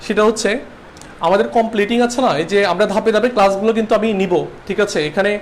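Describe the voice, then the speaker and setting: A man's voice: high voice, a little fast, slight background noise. A young man from Bangladesh teaching an online English exam-prep class, repeating rules and checking that students follow. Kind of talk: livestreamed exam-prep lesson.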